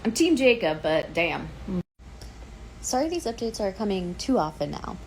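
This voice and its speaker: A woman's voice: mid-range voice, normal speed, slight background noise, low-quality recording. Exasperated thirtysomething woman ranting about a book. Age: 30s. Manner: exasperated, animated, sprinkles "like" and swears. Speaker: book vlogger. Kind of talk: casual ranting vlog. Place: at home on her couch.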